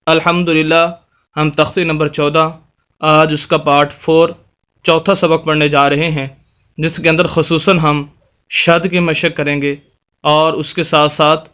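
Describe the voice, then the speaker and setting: A man teaching Quran reading in a step-by-step recitation lesson, patiently explaining and then slowly spelling out letters and vowel marks. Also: on the high side, fairly bright tone. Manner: patient explanatory tone, addresses viewers politely.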